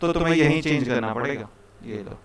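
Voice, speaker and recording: Casual teacher addressing a class. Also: male voice, mid-range voice, brisk. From India. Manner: casual, repeats "ठीक है" and "भाई", coaxing students. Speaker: programming teacher. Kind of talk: live classroom lecture.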